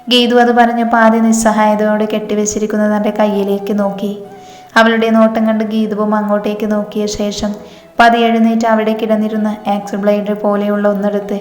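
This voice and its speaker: A woman narrating a dramatic story in an even, measured reading voice. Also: mid-range voice. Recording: echoey reverb with background music.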